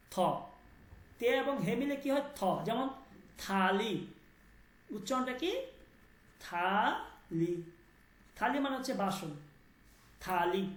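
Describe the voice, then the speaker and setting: Slow, patient male language teacher. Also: very high-pitched. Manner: patient, drills sounds by repeating them and keeps checking understanding. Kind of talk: online language class. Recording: roomy echo.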